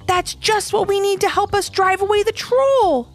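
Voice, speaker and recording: A small, anxious male forest guide , as a woman puts him on, squeaks up high and swoops through dramatic, breathless lines. Faint music sits under the storybook reading. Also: moderate pace. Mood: earnest.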